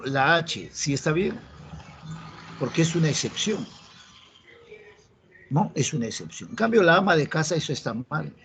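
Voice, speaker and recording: A man's voice: fairly high pitch, slight background noise. A male teacher from Peru explaining a grammar lesson step by step and checking in with his students. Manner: explains step by step, asks the class checking questions. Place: classroom.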